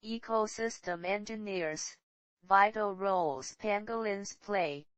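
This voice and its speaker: A woman's voice: mid-range voice, takes it slowly, dry recording, low-quality recording. A woman reading out short scripted section headings for a nature documentary. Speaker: chapter title announcer.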